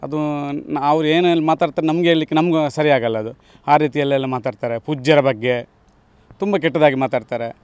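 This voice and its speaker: Indignant local man, high-pitched. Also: fairly quick, darkish tone, smooth, no room sound. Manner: emphatic, indignant, repeats his points. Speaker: local worker interviewed on the street. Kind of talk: street interview. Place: outdoors near a temple town.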